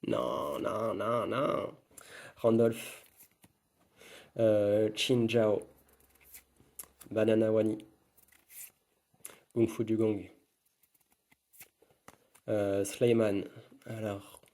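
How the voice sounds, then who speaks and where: A man's voice: lowish voice, very slow, pauses often, a little mellow. A man giving casual running commentary while opening trading card packs, murmuring card names one after another.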